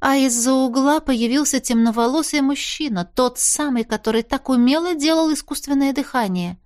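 A woman narrates a first-person audiobook in a wry, expressive reading. Her voice sits high. She reads with dry humour. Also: moderate pace.

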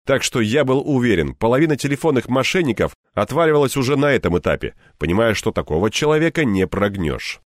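A man calmly narrating a first-person audiobook in a level, measured way. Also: medium pitch, dry recording, clean studio sound.

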